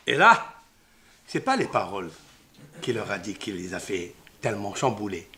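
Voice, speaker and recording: A man giving a religious lesson on scripture, sprinkling Hebrew terms into his talk and swinging from hushed murmurs to loud exclamations. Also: lowish voice, big pitch swings, normal speed. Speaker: Torah teacher.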